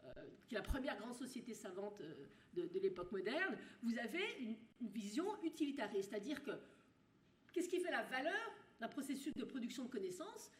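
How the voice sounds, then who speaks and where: A woman's voice: on the high side, animated. Woman lecturing in a roomy hall. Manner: addresses the audience with rhetorical questions; halting, with frequent restarts. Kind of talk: university lecture.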